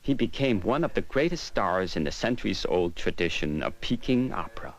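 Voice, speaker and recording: A man's voice: lowish voice, sing-song, moderate pace, poor audio. A man reading scripted documentary narration in a formal, informative style. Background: music.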